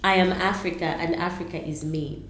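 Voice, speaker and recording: A woman's voice: fairly low pitch, steady tone, normal speed, echoey room. A middle-aged woman from Zambia, answering interview questions earnestly, with many ums and restarts. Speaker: interview guest, entrepreneur.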